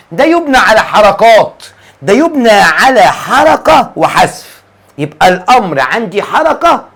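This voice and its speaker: A man with an Egyptian Arabic accent teaching grammar, acting out student questions and answering them himself, stretching key words for emphasis. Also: sits high. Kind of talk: lively classroom explanation.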